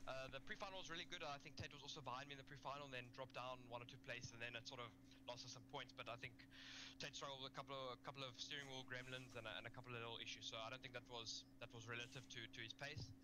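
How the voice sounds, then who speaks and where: Male driver, mid pitch, quick and stumbling, loud humming mic. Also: steady tone, background noise. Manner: quick, repeats words as he talks. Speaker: race-winning driver. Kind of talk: post-race interview.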